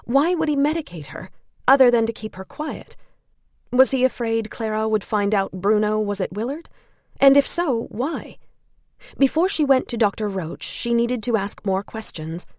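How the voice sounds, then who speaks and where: A woman narrating an audiobook of a novel in a measured storytelling manner. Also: a little high, animated, a little mellow, dry recording, clean studio sound.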